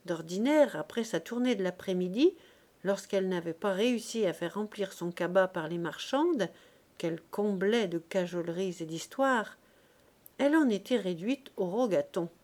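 A woman narrating a classic novel as an audiobook in a measured, expressive reading. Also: medium pitch. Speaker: audiobook reader.

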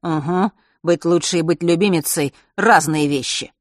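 A woman's voice: on the low side, no echo, studio quality, close to an everyday voice. Cool curt teenage boy Fesh, read by a woman. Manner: slow, flat, clipped replies. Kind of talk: audiobook character reading.

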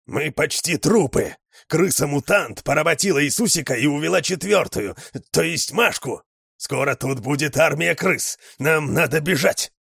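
A man voicing a panicky male dog in a storybook who shouts in alarm. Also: fairly high pitch, normal speed, vocal fry, husky, dry recording, studio quality, pitched above the performer's own voice, exaggerated voice. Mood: panicked. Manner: frantic, shouting.

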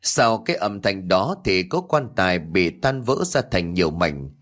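A man narrating a horror audiobook story in a steady storytelling voice. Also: low-pitched, measured pace.

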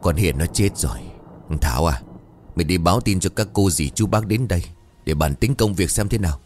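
A man's voice: low voice, animated, brisk, a little mellow, slight background noise. A man voicing a practical older village uncle. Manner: muttering, matter-of-fact.

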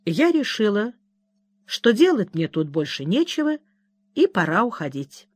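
A woman's voice: medium pitch, very animated, unhurried, dry recording. Woman narrating a novel, dry sound. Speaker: audiobook narrator. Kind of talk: scripted narration.

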